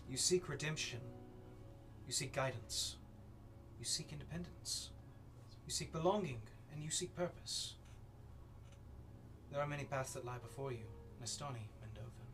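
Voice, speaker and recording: A man voicing an ancient, ominous chorus of eldritch voices speaking from flames in a tabletop game, slow and repetitive. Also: mid-range voice, pushed and bright, pitched above the performer's own voice. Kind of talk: tabletop game role-play.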